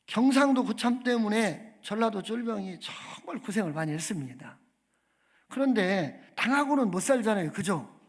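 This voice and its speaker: A man preaching a sermon as a guest pastor in a church, emphatic, calling for amens and putting questions to the congregation. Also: high-pitched. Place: church sanctuary.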